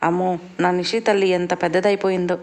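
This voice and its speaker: A woman reading as a gentle, caring mother. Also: on the low side, level tone, brisk, vocal fry. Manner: gentle, reassuring.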